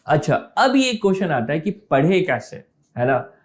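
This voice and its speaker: A man's voice: on the high side, big pitch swings, normal speed. A male maths teacher giving an online class, explaining step by step, mixing English terms into Hindi, and keeping on asking whether students have understood.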